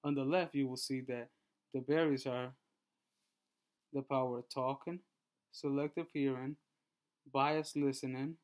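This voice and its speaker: A man in his twenties from Honduras, giving a class presentation and reading through his slides in a measured way with small restarts. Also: mid-range voice, steady tone, clear, resonant tone. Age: 20s. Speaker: student presenter.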